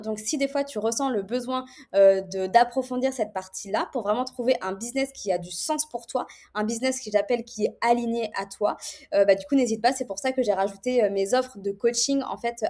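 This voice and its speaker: Chatty woman with a fairly high voice. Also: darkish tone. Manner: chatty, many fillers and restarts. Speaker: online course presenter. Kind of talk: casual direct-to-viewer presentation.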